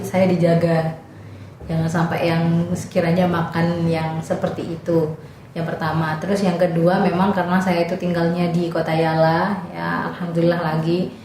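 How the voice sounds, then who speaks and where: A woman's voice: fairly low pitch, level tone, moderate pace, darkish tone. Young woman chatting in an echoey room. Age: young adult. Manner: chatty, many fillers, acts out students' voices. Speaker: interview guest, former volunteer teacher. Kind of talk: casual podcast conversation. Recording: very echoey room with faint noise.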